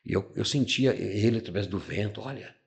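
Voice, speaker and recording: Man telling his testimony on a podcast, rough creaky voice, keeps repeating words. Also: on the low side, fairly quick. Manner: repeats words, acts out quoted people. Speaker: podcast guest giving a testimony. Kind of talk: emotional personal storytelling.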